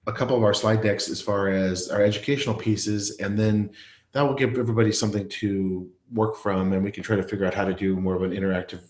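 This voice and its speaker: A man presents a live online session, his fairly low voice stumbling through fillers and restarts as he explains. The sound bounces around an echoey room. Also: fairly even intonation, darkish tone. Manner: halting, many fillers and restarts. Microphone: earpiece in, talking to an online audience.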